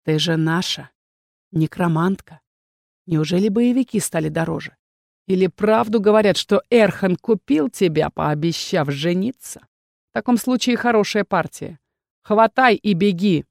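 A woman voicing a commanding male necromancer captain in an audiobook, shouting orders and later taunting in a low, hollow voice. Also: lively intonation, measured pace, gravelly, no room sound, studio quality.

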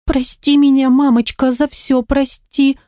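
A woman's voice: high voice, fairly even intonation, slow, a little mellow, no echo, studio quality, pitched above the performer's own voice. A woman reading an audiobook, voicing a small girl who pleads in a trembling, tearful voice.

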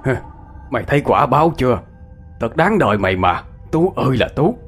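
A man's voice: mid-range voice, big pitch swings, brisk, husky, soft background music. A man voicing a stern old father who scolds harshly. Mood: angry.

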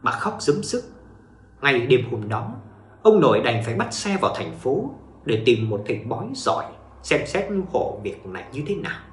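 A man narrating a ghost story in a dramatic, animated storytelling manner, in an echoey room. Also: mid-range voice, normal speed.

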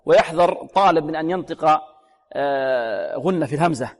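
A man with a fairly high voice teaches recitation rules in a room with a long reverb. He stretches out each example word slowly and repeats it carefully, then asks his own questions and answers them in a patient teaching tone. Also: expressive. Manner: slow, drawn-out demonstrations of words, repeated many times. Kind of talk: tajweed lesson with recited examples.

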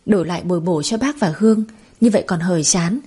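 A woman voicing a scheming young woman who flatters in a honeyed, ingratiating way. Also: fairly low pitch, quick pace, slightly rough. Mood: sugary flattering.

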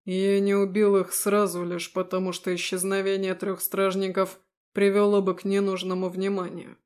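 A woman reading an audiobook, voicing a cold, scornful male demon who speaks slowly with a hiss. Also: medium pitch, completely flat delivery, darkish tone, lightly acted. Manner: hissing, slow, scornful. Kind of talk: audiobook character voice.

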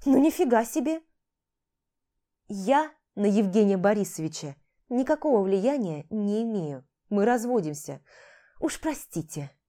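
Woman reading a novel aloud first person, dry and a bit sarcastic, mellow tone. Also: mid-range voice, big pitch swings, unhurried. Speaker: audiobook narrator.

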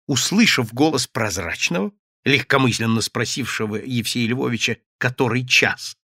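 Animated, gravelly male audiobook narrator. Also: mid-range voice, dry recording, clean studio sound. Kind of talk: expressive reading of classic satirical prose.

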